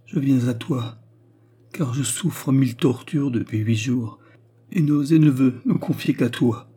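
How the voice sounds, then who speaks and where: A man's voice: mid-range voice, unhurried, mellow, breathy edge. A man reading an audiobook, voicing a fragile young wife who pleads in a broken voice. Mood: pleading. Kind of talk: audiobook character voice.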